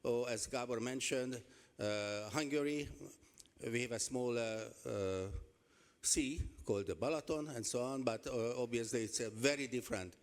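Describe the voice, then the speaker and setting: Man, middle pitch, conference audience comment, long hall reverb. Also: moderate pace.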